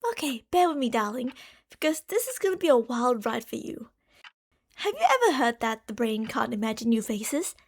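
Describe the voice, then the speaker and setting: In an ASMR roleplay, a woman plays an obsessive, lovestruck stalker from a parallel universe, eagerly coaxing and explaining things to the listener with fond pet names and theatrical emphasis. Her slightly high voice is very animated at a normal speed.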